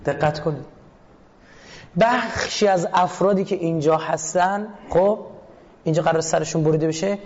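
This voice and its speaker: A man's voice: a little high, pauses often, darkish tone, lo-fi sound. A man lecturing as a media critic, who keeps asking his audience questions and answering them himself. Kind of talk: lecture analysing a film clip.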